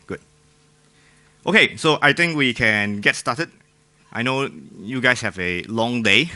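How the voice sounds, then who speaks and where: A man with a Singaporean accent and a lowish, sharp-toned voice gives an informal, joking technical talk to a live audience. He's a conference speaker who often puts questions to the crowd.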